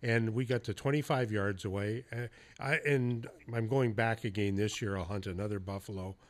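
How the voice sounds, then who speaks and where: Steady and lowish, at a normal speed, a male podcast host recounts his hunting experiences. It's casual interview talk, told in a loose storytelling way with some profanity and laughter.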